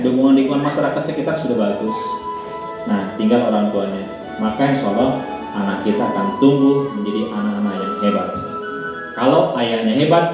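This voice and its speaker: A man giving a parenting talk to an audience of parents, lively and asking them questions. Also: mid-range voice. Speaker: parenting seminar speaker. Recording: echoey hall from far off with faint noise.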